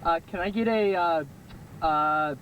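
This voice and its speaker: A man's voice: a little high, a little slow, muffled recording, background noise. A young man ordering at a drive-through. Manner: hesitant, many "uh" fillers and restarts.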